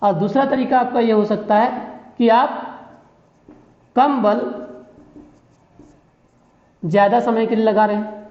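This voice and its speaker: A man's voice: high voice, fairly even intonation, takes it slowly, pauses often. A male physics teacher giving a classroom lecture, constantly asking questions and repeating key phrases. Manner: questioning, quizzes listeners constantly. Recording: dull, echoey room with long reverb.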